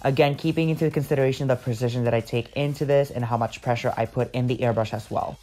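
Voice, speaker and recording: A man's voice: medium pitch, steady tone, quick pace, warm tone, soft background music. A man talking casually over his makeup video, chatty and rambling, with lots of fillers as he explains each step. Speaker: makeup artist.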